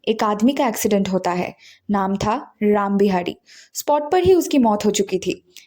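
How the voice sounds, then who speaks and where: A woman with an animated, mellow mid-range voice narrates scripted paranormal stories as a video host at normal speed, keeping it dramatic and suspenseful and mixing in English words.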